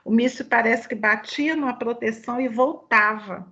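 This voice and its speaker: A woman's voice: on the high side, normal speed, bright, forceful tone. A woman with a Brazilian Portuguese accent leading a Bible study, chatty and fervent, sharing personal testimony in a conversational way. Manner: chatty, fervent, peppers talk with "sabe?". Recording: dull lo-fi recording.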